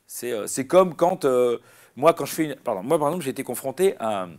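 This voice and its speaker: Gravelly, rambling man. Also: mid-range voice, brisk. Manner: animated, rambling, many restarts and fillers. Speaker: comedian guest. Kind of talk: casual interview chat.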